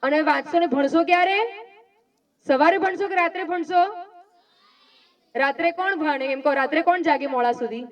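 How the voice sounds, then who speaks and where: High-voiced woman preaching to children from far off. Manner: coaxing, quizzing the children with quick questions. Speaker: Jain nun giving a talk to schoolchildren. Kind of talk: simple sermon to children with call-and-response questions. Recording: dull sound from far off the mic.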